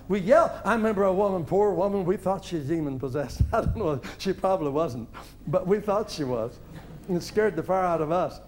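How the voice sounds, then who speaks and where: A man preaching a testimony as a story, animated, with stammered repeats and chuckling asides. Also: high voice.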